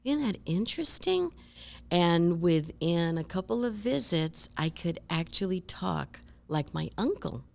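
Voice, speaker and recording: A woman from Rico, a guest telling lively stories in an interview and acting out other people's voices. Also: lowish voice, unhurried, vocal fry, hardly any pauses. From Puerto Rico. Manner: animated, acts out voices and accents in stories. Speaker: guest speaker. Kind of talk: conversational interview storytelling.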